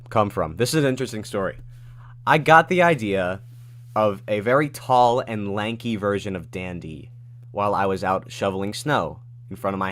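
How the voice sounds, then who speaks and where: A man's voice: on the low side, fairly bright tone. Rambling man answering livestream chat. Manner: rambling, reads chat questions aloud, quick asides. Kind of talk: casual livestream Q&A. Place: at home in his room.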